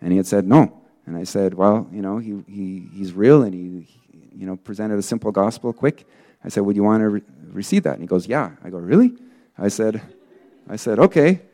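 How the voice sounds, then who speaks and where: Male preacher, lower register, relaxed testimony style with filler words and animated quotes. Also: fairly quick. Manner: casual storytelling, many fillers; acts out quoted people in lively bursts. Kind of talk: sermon testimony.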